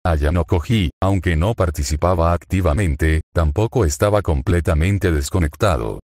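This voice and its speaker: A man narrates a fanfic in a steady, scripted read. His voice is very low and deep. The sound is dry and close, with no room echo. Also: normal speed.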